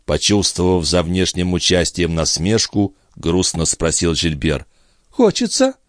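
A man narrating a classic novel as an audiobook, in a measured, expressive manner. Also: sits low, no echo, clean studio sound. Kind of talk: scripted literary narration.

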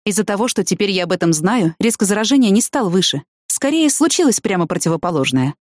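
A woman's voice: mid-range voice, big pitch swings, quick pace, no echo. Woman reading a novel aloud, dry. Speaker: audiobook narrator. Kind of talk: first-person novel reading.

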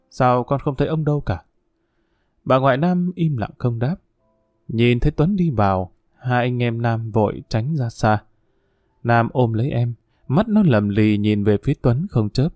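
A man reads a story aloud in a warm, mellow voice with steady, even pacing. The recording is dry and close, with no room sound. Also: medium pitch, no echo. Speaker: audiobook narrator. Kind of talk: scripted story narration.

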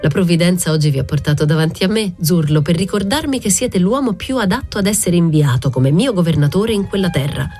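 A woman's voice: on the low side, brisk, hardly any pauses, dark tone, soft background music, close to an everyday voice. A woman voicing a cold, calculating king with a thin, icy voice and an ironic, impassive way of talking.

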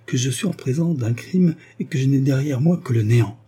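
A man's voice: mid-range voice, fairly quick, dark tone, slightly rough, pitched above the performer's own voice, natural voice. A man reading the lines of an earnest young lawyer who speaks urgently and insistently. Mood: grave. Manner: urgent, pleading.

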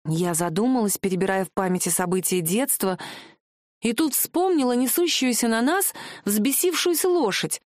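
Higher-voiced woman narrating a story. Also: expressive, normal speed, no room sound, studio quality. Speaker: audiobook reader.

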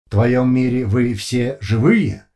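A man voicing an unseen, emotionless interrogator with a booming, colourless metallic voice, firing short clipped questions loudly and slowly without pause, in an audiobook reading. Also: close to an everyday voice. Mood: cold, flat. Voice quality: flat, metallic, toneless.

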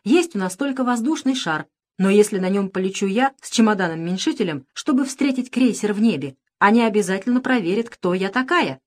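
Woman voicing a pirate queen, raised pitch, loud and bossy, storybook villainess, animated delivery. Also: a little fast, natural voice. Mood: domineering. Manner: bossy, sharp, feigning sweetness. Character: scheming, imperious female pirate queen. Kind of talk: audiobook character reading.

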